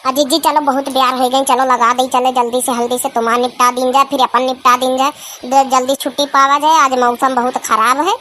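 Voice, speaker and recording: A woman's voice: high voice, little pitch movement, brisk, sharp tone, slight background noise. A woman voicing a chatty young village woman. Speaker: cartoon voice. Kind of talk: cartoon comedy voice acting.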